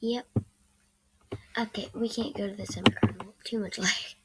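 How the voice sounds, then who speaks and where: Medium in pitch with fairly even intonation and a moderate pace, this is a sick teenage girl losing her voice as she casually commentates a computer game for her gaming channel. She hesitates and rambles, often trailing off into soft mumbling. Her computer's microphone, recording alongside the screen, captures loud background noise and clicks.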